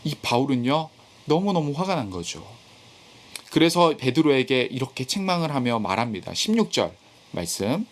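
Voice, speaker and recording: A man's voice: mid-range voice, sing-song, normal speed. A man preaching a sermon to a youth group over a live video call, earnest and growing emphatic at points. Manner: earnest, rising to emphatic when voicing scripture and rebuke.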